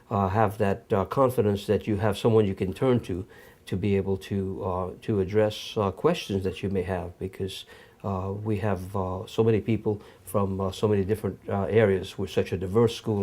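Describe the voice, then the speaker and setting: A middle-aged man with a fairly low voice. He answers interview questions as a school administrator, measured and halting, pausing often as he goes. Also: fairly even intonation, darkish tone. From Louisiana, United States. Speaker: school assistant principal. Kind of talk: interview talk.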